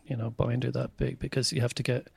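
A man's voice: medium pitch, flat delivery, fast, gravelly, a little mellow, breathy edge, dry recording. A man with a west of Ireland accent, chatting casually and telling comic stories in a wry, self-deprecating way. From County Mayo, west of Ireland. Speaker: stand-up comedian guest. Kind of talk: casual chat, comic anecdotes.

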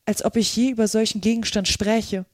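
An indignant, easily offended little mouse from a storybook, read by a woman. Its lines are clipped and sharp. The recording is dry with no room sound. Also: fairly high pitch, level tone, fairly quick, no echo, natural voice. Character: small touchy frightened mouse, indignant.

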